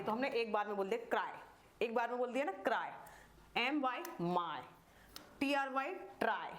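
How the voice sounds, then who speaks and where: A woman with an Indian accent, her voice pitched a little high, explains spelling rules the way a teacher does in class. She spells each word out letter by letter and repeats every rule slowly, asking her listeners questions as she goes. A faint hiss sits under the recording. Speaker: English pronunciation teacher. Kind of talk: slow classroom explanation while writing on a board.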